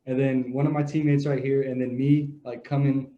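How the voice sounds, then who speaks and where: A young man tells football stories on a casual podcast, loose and rambling, full of filler words. His voice sits at a middling pitch. The audio sounds dull and lo-fi. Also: normal speed. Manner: relaxed, rambling storyteller with many "like" fillers. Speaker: podcast co-host, grandson. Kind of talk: casual sports chat.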